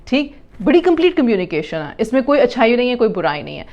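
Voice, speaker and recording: Woman w/ giving a talk on communication, slightly high voice, drops english words in. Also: big pitch swings, darkish tone, highs cut off. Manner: mixes English terms into Urdu, acts out example lines. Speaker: parenting and communication educator.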